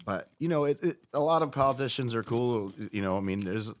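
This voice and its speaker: A man's voice: medium pitch, animated, fairly quick. A man on a podcast as a guest, telling a story in a loose, profane way, often stopping and restarting. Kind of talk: casual storytelling chat.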